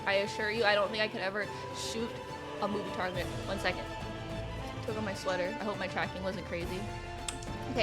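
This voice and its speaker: A young woman streaming a game, reading the story text aloud and chatting between lines in a bubbly way. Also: on the high side. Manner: bubbly and chatty, laughing often. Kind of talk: live-stream playthrough, reading visual novel text aloud.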